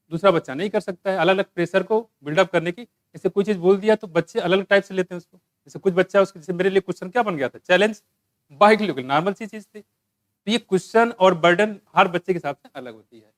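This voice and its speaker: A man with an Indian accent teaching a biology lesson, conversational, mixing in English terms and telling his own stories to motivate students. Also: sits high. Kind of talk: online class lecture.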